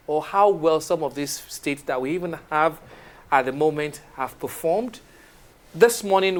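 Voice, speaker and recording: Animated Nigerian male TV host. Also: fairly high pitch. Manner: animated, questioning, with halting restarts. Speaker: TV morning show host. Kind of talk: studio discussion. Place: TV studio.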